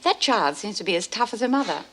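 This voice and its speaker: An actress with an Australian accent playing a caring, measured woman prison governor in a television drama. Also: medium pitch, very animated, a bit bright, rough recording. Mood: worried. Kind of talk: 1970s TV drama acting.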